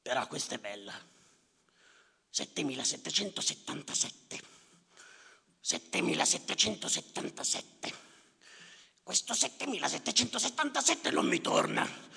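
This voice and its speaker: A male actor plays a bitter, cynical clerk grumbling as he tallies the drowned, in a theatrical stage monologue with live music behind him in a reverberant hall. His voice is raspy and gravelly, a little high, with huge pitch swings, a moderate pace, and frequent pauses; the tone is sharp and fully in character. Brooding and scornful, he mutters to himself, declaims sardonically, and repeats words obsessively.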